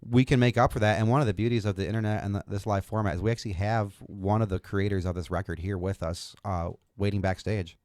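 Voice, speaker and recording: A man's voice: on the low side, steady tone, fast, hardly any pauses, a little mellow, no room sound, clean studio sound. A man co-hosting a live podcast recap, chatting casually and repeating words while he sets up the stream. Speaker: podcast co-host.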